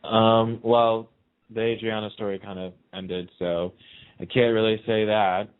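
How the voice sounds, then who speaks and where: Over a muffled, narrow phone-like line, a man with a lowish, level, clean-toned voice talks unhurriedly. He's a participant on a radio show, chatting casually but emphatically as he shares his opinions on TV soap storylines.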